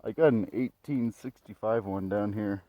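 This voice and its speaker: A man with a fairly low voice talks at normal speed while vlogging through a graveyard at night. He tosses out casual, fragmented commentary as he explores, and the handheld outdoor recording is noisy with clicks.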